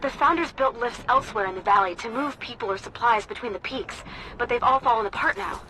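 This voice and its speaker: A woman's voice: on the high side, fairly quick. An actress playing a wary woman guide who speaks earnestly and warns of danger. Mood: guiding. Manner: earnest, cautionary. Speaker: game character, local guide on radio. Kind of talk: radio guidance. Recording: loud noisy game ambience.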